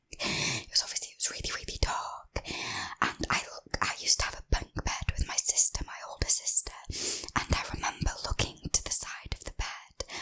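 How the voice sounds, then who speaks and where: A woman, hosting an ASMR channel and whispering a spooky personal story in a slow, confiding way into a close microphone. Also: sharp tone, poor audio. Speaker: ASMR host.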